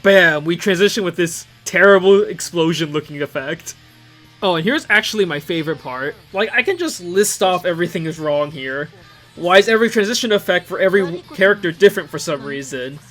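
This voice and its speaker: A man hosts a casual video commentary in a high, fairly bright voice, sounding conversational and opinionated and often posing rhetorical questions. As a video host and reviewer, he talks over upbeat music coming from the clips he is reviewing.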